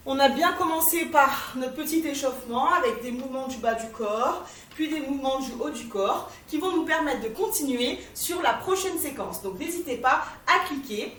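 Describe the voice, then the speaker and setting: High-voiced woman leading a warm-up. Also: expressive, moderate pace, few pauses, slight background noise. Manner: encouraging, gives step-by-step cues while moving. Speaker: fitness instructor. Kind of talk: guided warm-up exercise class. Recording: echoey room, voice from a distance.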